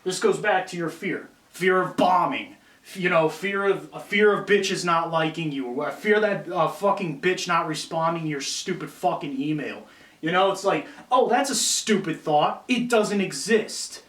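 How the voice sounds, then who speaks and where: A man's voice: on the high side, moderate pace, fairly bright tone. A man delivering a wild, rambling, profane rant to viewers in an unscripted monologue, picked up by a distant camera mic. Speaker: comedy advice YouTuber. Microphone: distant camera mic, separate microphone not recording. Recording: echoey room, far from mic.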